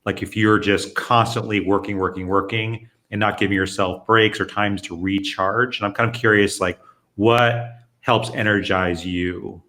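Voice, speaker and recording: Low-voiced man hosting a chat. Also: fairly even intonation, normal speed, pushed and bright. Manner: curious, friendly questions with many fillers. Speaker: host. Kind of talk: casual interview chat.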